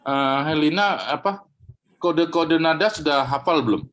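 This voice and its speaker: A man's voice: a little high, normal speed, a bit bright. A man teaching a class on a video call, patiently correcting readers and demonstrating tones aloud. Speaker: Chinese reading teacher. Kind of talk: online class feedback.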